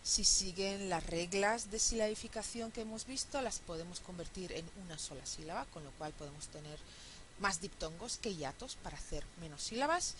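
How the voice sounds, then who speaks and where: A woman teaching a phonetics lesson, explaining step by step and often checking understanding with a quick question. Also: lowish voice, slight background noise, rough recording. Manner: counts syllables aloud slowly. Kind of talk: recorded classroom lecture.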